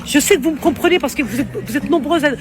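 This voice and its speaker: A woman's voice: high voice, fast. A tired woman vlogging to her followers, venting in an agitated, repetitive way. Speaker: social media vlogger. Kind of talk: emotional vlog rant to followers.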